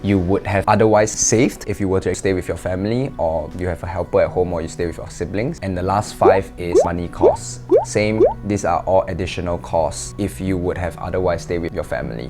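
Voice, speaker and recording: A young man with a low, deep voice explains things to camera in a relaxed, conversational way. He works through a list point by point, with the odd restart, and a faint bed of music plays under him. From Malaysia. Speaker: vlogger. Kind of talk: casual explanatory vlog.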